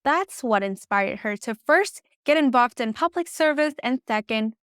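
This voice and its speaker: A woman narrating a podcast in a smooth, even, scripted delivery. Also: a little high, moderate pace, no room sound, clean studio sound.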